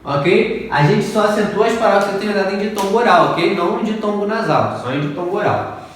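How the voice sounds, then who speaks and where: In a grammar lesson, a man who teaches Portuguese works through exercises with patience, repeating rules and checking on his students often. He speaks briskly in a high pitch with lively intonation, captured from far away in an echoey room with faint background noise.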